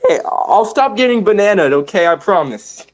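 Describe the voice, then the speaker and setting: A man chatting casually as a player in an online tabletop game, swearing freely and exclaiming loudly. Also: high-pitched, animated, moderate pace.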